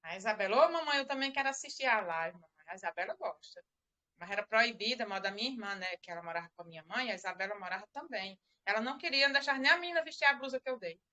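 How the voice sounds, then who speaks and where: A woman's voice: medium pitch, fast talker, bright, forceful tone. A middle-aged woman giving a religious testimony on a live stream, rambling and repeating herself as she tells the story. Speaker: church member giving testimony.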